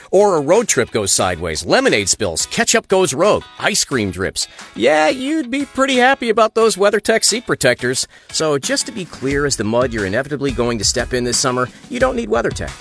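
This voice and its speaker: Wry, animated male ad voice. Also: mid-range voice. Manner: wry, jokey. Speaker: commercial announcer. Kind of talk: wry radio commercial.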